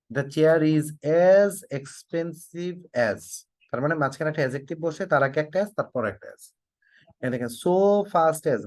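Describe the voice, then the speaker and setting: A man's voice: medium pitch, no room sound, clean studio sound. Bangladeshi man teaching English grammar. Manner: quizzing students, repeats prompts to type answers; joking mock threats. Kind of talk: online class lecture.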